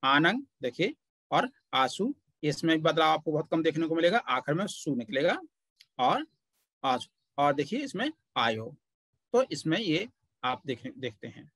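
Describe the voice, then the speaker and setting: A man teaching Pali grammar in an online class, talking very slowly and patiently, pausing often to point things out. His voice sits a little high for a man. The sound is close and dry, with no room echo. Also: very animated, fairly bright tone.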